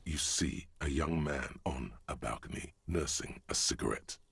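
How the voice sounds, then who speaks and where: An actor voicing the brooding inner narrator of a detective game, deep and husky, in a grave, confiding manner. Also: male voice, lively intonation, moderate pace, fairly bright tone, no echo, exaggerated voice. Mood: ominous.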